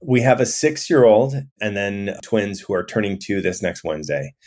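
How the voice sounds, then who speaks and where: A man in his thirties from Miami, a guest in an interview, talking in a relaxed way full of "you know" fillers. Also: on the low side, normal speed. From Miami, USA. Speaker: guest, resort owner. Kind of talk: conversational interview.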